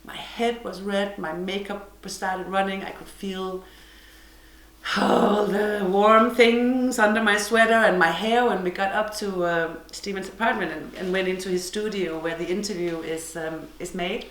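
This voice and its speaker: In a chatty, self-deprecating monologue to camera, a Danish woman hosts her podcast from her living room, speaking with a Danish accent. Her medium-pitched, fairly bright voice is steady and unhurried, though the audio is poor and roomy.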